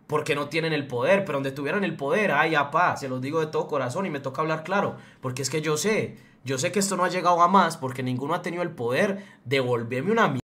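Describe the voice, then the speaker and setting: A man's voice: a little high, bright, forceful tone. A young man from Colombia with a Colombian accent from Antioquia, delivering a blunt, profane, fired-up rant as a streamer. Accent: Colombian Spanish, Antioquia. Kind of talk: heated livestream rant.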